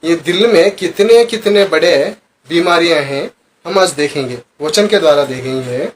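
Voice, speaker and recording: A man preaches a sermon in a somewhat high voice, putting questions to his listeners. He pushes certain phrases loudly and then drops to quiet asides. A faint hiss sits under the recording. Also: measured pace. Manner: preaching with rhetorical questions to the congregation; swings between loud emphatic phrases and dropped quiet asides. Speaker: pastor.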